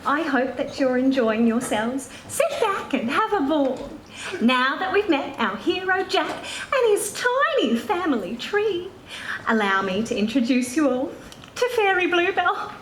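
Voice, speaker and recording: Panto fairy: very high, highly animated, cheery sing-song rhymer, bumbling novice; roomy theatre sound. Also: female voice, a little slow, full character voice. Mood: cheery, welcoming. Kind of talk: stage pantomime narration to the audience. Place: indoor theatre stage. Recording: echoey theatre stage, faint room noise.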